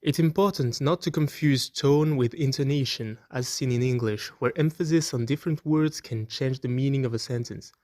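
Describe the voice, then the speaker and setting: A man presenting an educational video, reading a scripted explanation in a clear, explanatory way and slowing down to demonstrate example words. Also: mid-range voice, darkish tone, dry recording, studio quality. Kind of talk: scripted narration.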